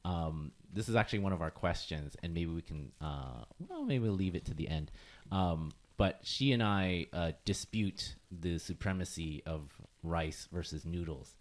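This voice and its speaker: Halting low-voiced male podcast host. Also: lively intonation. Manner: halting, many fillers and restarts, laughs easily. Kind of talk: casual conversational interview.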